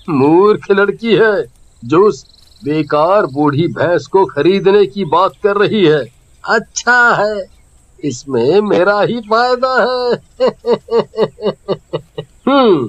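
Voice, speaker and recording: A man's voice: a little high, lively intonation, fairly bright tone, lo-fi sound. A man voicing a greedy, scheming old village merchant in a cartoon story, humming and grumbling with scorn. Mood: scornful. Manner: grumbling, drawn-out hums, scornful.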